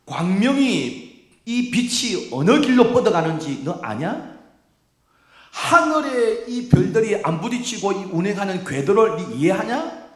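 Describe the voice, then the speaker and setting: A man's voice: high-pitched, reverberant, pitched above the performer's own voice, full character voice. A man acting out God as a stern male voice who fires question after question at a sufferer, scolding and interrogating. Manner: rapid-fire, scolding, interrogating.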